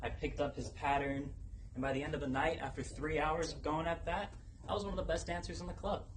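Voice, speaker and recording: A man's voice: fairly high pitch, steady tone. Young man's dramatic speech, noisy live recording. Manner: dramatic, deliberate delivery with pauses for effect. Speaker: contestant in a speech competition. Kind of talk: rehearsed personal storytelling speech. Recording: noticeable background noise, live event ambience.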